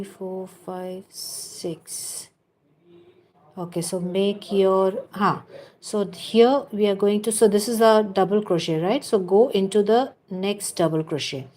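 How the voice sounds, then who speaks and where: This crochet teacher speaks in a mid-range, slightly mellow voice while hosting her livestream. Walking viewers through each step patiently, she counts her stitches out loud and drops in friendly, chatty remarks.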